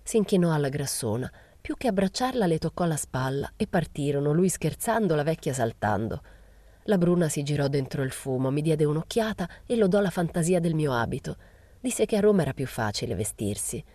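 A woman reading a novel aloud in a measured first-person narration. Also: sits low, lively intonation, warm tone, no echo. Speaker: reader.

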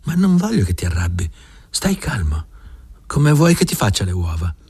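A man's voice: deep voice, sing-song, moderate pace, darkish tone, breathy edge, exaggerated voice. A man reading an audiobook voices Damiana, an older household cook who fusses and gossips. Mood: coaxing. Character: male cook woman Damiana, older, fussing.

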